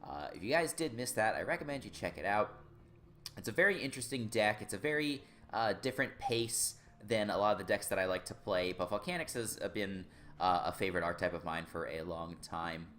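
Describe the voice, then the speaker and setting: A young man casually explaining his card game deck, relaxed and full of filler words. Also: on the low side, fairly quick. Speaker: gaming YouTuber.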